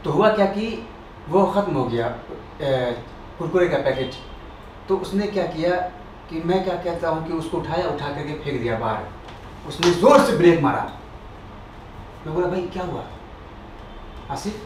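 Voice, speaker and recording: A man's voice: on the high side, expressive, normal speed, long pauses, a little mellow, a little hiss or hum. A young man telling a rambling comic story, correcting himself and acting out the dialogue, recorded far off in an echoey room. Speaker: stand-up comedian. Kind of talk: storytelling stand-up.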